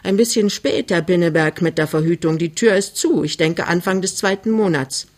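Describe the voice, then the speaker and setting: A reader voicing a skeptical, tired middle-aged doctor who speaks in a raised, pressing, hurried way. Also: mid-range voice, close to an everyday voice. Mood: brisk.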